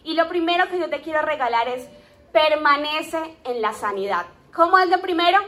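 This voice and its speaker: A woman preaching a sermon, lively and talking straight to the congregation with playful asides. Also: high-pitched, normal speed.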